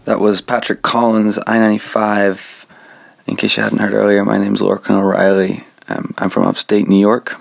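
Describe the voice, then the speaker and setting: A young male radio host from Scotland with a gravelly voice that sits a little low. He talks in a relaxed, conversational way, as if thinking aloud while he introduces the next song. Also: moderate pace. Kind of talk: casual radio presenting.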